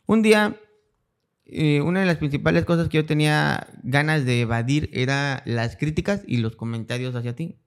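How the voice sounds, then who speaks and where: Telling his story as a guest in a relaxed interview, a young adult man with a Mexican Spanish accent, a cancer survivor, voices the different people he describes. His delivery is smooth and on the high side, at a normal speed.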